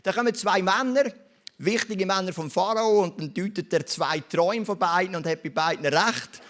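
A man with a Swiss German accent preaching a sermon, retelling a story and turning often to speak straight to his listeners with quick tag questions. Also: high-pitched, a bit bright.

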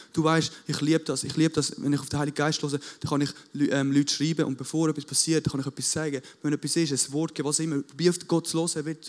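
A man preaching a sermon on a church stage with a band waiting, fervent and casual, dropping English buzzwords and rising to loud appeals. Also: a little high.

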